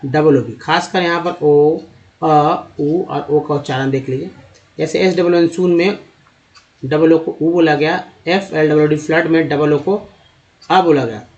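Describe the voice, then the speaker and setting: Male teacher, pronunciation lesson, slightly high voice, slow word-by-word sounding out. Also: a little mellow, dull audio. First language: Hindi. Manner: slowly sounds out words letter by letter. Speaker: English teacher.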